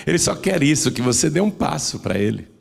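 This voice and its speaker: A man's voice: medium pitch, very animated, normal speed, creaky, in a large hall. A man with a Brazilian Portuguese accent preaching a sermon to a church, swinging his voice up and down for drama as he tells scripture stories. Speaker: pastor.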